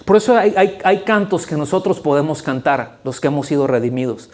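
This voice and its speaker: Male pastor, slightly high pitch; animated conversational sermon full of rhetorical questions to the congregation. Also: a little fast. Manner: animated, conversational preaching with frequent rhetorical check-ins. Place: church sanctuary.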